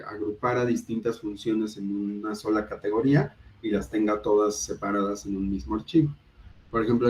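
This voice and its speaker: A young man with a Mexican Spanish accent giving a recorded programming lecture in a relaxed, conversational way, with frequent fillers and tag questions. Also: lowish voice, low-quality recording. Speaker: university lecturer.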